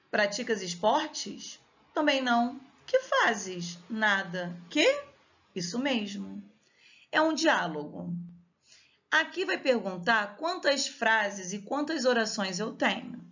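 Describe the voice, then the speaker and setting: A woman's voice: fairly high pitch, fairly bright tone, lo-fi sound. A woman teacher with a Brazilian Portuguese accent giving a grammar lesson and explaining step by step. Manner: explains step by step, checks with students.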